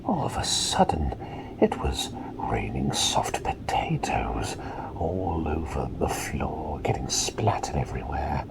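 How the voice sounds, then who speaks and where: A man voicing a courteous, inquisitive plague doctor in a soft, repetitive, soothing ASMR whispered role-play. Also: extremely low pitch, gravelly, exaggerated voice, rough recording. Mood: curious, attentive. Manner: soft, unhurried, gently repetitive and formal. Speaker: ASMR performer.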